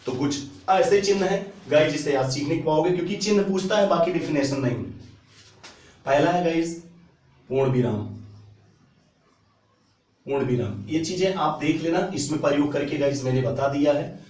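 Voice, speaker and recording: A man teaches an exam-prep grammar lesson, repeating each key term and calling his viewers "guys". His voice sits a little high. The room is echoey, and he sounds set back from the mic. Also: normal speed, pauses often, darkish tone, recorded from a distance. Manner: repeats key terms, often says "guys".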